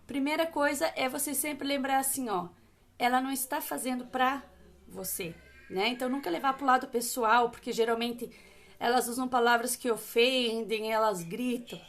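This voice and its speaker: Higher-voiced Brazilian woman giving parenting advice. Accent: Brazilian Portuguese. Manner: calm, firm advice with frequent "né?" and "tá?". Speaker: parenting educator hosting a live Q&A. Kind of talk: casual advice talk to an audience.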